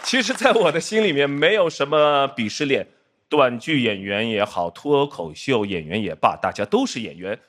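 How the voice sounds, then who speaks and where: A man's voice: medium pitch, lively intonation, moderate pace, some chatter behind. A middle-aged man from Shanghai delivering a self-mocking roast set with punchline timing on a studio stage. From Shanghai, China. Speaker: roast guest comedian and actor. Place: studio stage before a live audience. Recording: loud audience laughter and noise.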